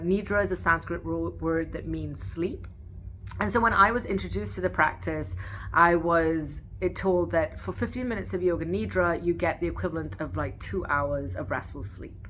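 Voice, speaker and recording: A woman who works as an osteopathic manual practitioner, giving a calm, gentle educational talk with a few fillers. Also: lowish voice, a little hiss or hum. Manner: calm, gentle explanatory delivery with occasional fillers.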